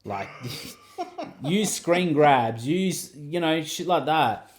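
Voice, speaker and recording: A man who coaches actors and hosts a podcast gives casual advice, rambling along and saying "you know what I mean" a lot. His voice is on the high side and animated, and he draws out his words.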